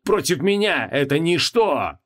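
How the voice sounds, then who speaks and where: A man voicing a menacing archdemon in an audiobook, speaking in a hoarse, growling, slow way. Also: medium pitch, darkish tone, lightly acted. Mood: snarling rage. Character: menacing male archdemon, wrathful former mage.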